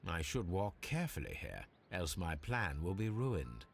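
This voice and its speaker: Deep-voiced, calculating Sherlock Holmes. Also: male voice, sing-song, vocal fry, soft background music, exaggerated voice. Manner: measured, precise, formal. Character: calculating, self-assured gentleman detective. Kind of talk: video game voice acting.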